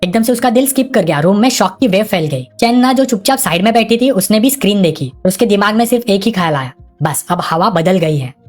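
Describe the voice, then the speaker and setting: A woman races through a manhwa recap in brisk storytelling, keeping a steady middle pitch. Faint music plays under her voice throughout. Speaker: narrator.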